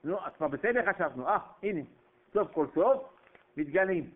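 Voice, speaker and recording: High-voiced man preaching, tinny recording. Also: expressive. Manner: dramatic storytelling, acting out voices with sudden pitch jumps. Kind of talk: sermon.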